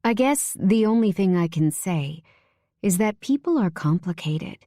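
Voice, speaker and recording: A woman reading a first-person romance audiobook in a soft, unhurried way, close to the mic. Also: medium pitch, lively intonation, no room sound. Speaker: audiobook narrator.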